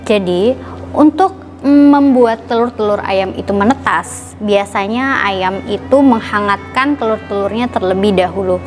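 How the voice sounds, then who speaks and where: A woman's voice: medium pitch, unhurried, faint music behind. A woman telling an educational children's puppet story as the teacher, explaining things simply with repeated questions.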